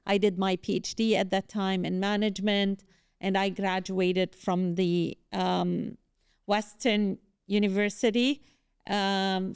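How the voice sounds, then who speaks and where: A woman professor from Lebanon, giving a steady, orderly account of her career as an interview guest. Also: medium pitch, clean tone, no echo, clean studio sound. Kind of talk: interview answers.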